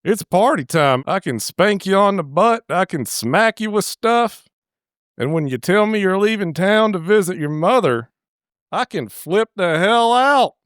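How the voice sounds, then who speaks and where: A man's voice: high voice, lively intonation, a little slow, fairly bright tone, clear, resonant tone, no room sound, studio quality. A man voicing a pushy, crude rich young man who brags and coaxes. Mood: boastful. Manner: brash, crude, wheedling.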